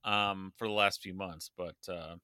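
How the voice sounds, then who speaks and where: A man talks casually on a podcast, blunt and given to sarcastic swearing. His voice sits a little low yet sounds bright and forward. The recording is dry and close. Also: fairly even intonation, measured pace, clean tone, no room sound. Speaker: podcast co-host. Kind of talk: casual political chat.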